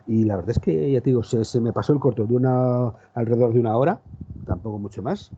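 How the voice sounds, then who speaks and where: A man's voice: medium pitch, fast, dark tone, slight background noise. A man with an accent from Spain chatting casually as a podcast co-host, hesitant and repeating words for emphasis. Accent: Spanish from Spain. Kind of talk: casual chat. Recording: slightly muffled sound.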